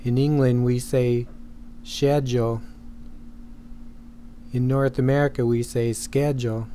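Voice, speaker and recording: A man giving a measured, evenly paced scripted narration for a history course. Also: medium pitch, slight background noise. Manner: measured, even reading.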